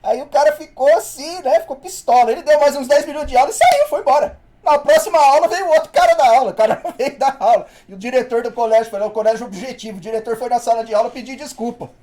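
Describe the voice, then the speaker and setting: A man's voice: very high-pitched, fast. A male university professor telling a classroom story in casual, slangy speech, acting out what people said. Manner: slangy, animated storytelling with acted-out quotes. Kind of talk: casual anecdote told in class.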